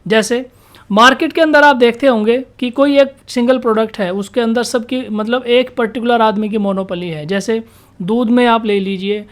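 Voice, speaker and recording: A woman teaching a vocabulary lesson for exam students. She asks questions and answers them herself, repeats key words, and reads the English definitions out slowly. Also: a little high, fairly even intonation.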